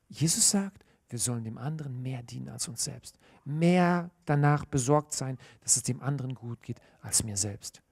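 A man in his thirties preaching a sermon in church, earnest and animated, often restarting mid-phrase. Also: on the high side.

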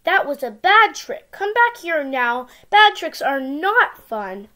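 A woman's voice: high-pitched, sing-song, slow, pushed and bright, full character voice. A woman voicing a worried, scolding male owl, calling out while reading a storybook aloud to young children. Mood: pleading scolding. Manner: calling out, exclaiming.

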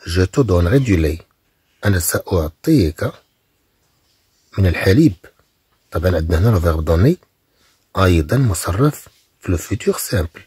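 A man from Morocco, teaching French, reading phrases very slowly and then explaining them quickly. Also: sits low, animated, dark tone, slightly rough, no echo, clean studio sound.

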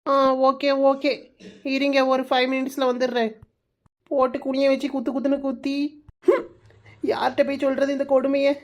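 A woman's voice: high voice, monotone, normal speed, pauses often, close to an everyday voice. A woman voicing a sulky, self-pitying young bride-to-be with a southern Tamil Nadu accent. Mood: whiny.

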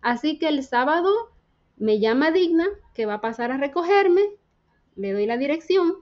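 A woman's voice: high-pitched, lively intonation, moderate pace, dull audio. A woman from the Dominican Republic with a Dominican Spanish accent, earnestly telling her faith testimony as a guest and acting out the dialogue she recounts.

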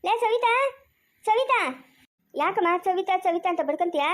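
A woman's voice: very high voice, fast, a little hiss or hum. A woman playing a fussing Chikkaballapur village woman. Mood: fretful. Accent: rural Chikkaballapur Kannada. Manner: scolding, exclaiming, repeating questions. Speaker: actor in a village family drama. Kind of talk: homemade village family drama.

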